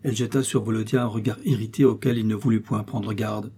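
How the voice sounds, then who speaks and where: A man reads a classic novel aloud in a calm, even storytelling voice. His tone is dark and mellow with a slight huskiness, steady from line to line. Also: on the low side, fast, slightly rough. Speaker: audiobook narrator. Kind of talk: scripted narration of a classic novel.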